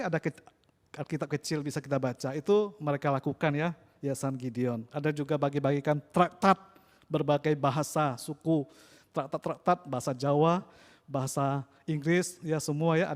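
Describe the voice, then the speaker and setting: A man, a pastor, preaching a sermon with emphatic, repeated phrases that rise in stress. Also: on the high side. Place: church. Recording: church hall reverb.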